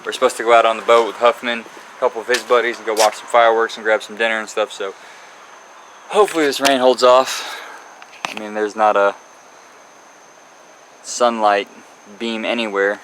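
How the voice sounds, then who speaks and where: A man's voice: lowish voice, steady tone, moderate pace, long pauses, fairly bright tone, slight background noise, poor audio. A man hosting his own channel, chatting casually and rambling as he walks through a repair job. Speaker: channel host. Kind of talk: casual garage vlog walkthrough.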